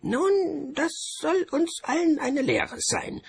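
A man voicing a fussy, pompous male wizard in a high, prim voice. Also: slow pace, vocal fry, exaggerated voice. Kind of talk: audiobook character voice.

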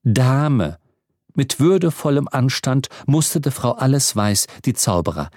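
Male narrator, wry and expressive, dry close read. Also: medium pitch, moderate pace, dry recording. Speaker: audiobook narrator. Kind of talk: scripted narration.

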